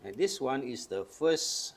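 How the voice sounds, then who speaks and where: An older Malaysian man who collects cameras casually shows off old cameras, patiently explaining each step. His medium-pitched voice has a sing-song quality and a measured pace.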